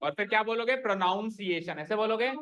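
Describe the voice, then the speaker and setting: A man's voice: high-pitched, moderate pace, a bit bright, muffled recording. A male math teacher in a classroom, explaining a lesson and constantly questioning his students, making them repeat answers and mixing English terms into his speech.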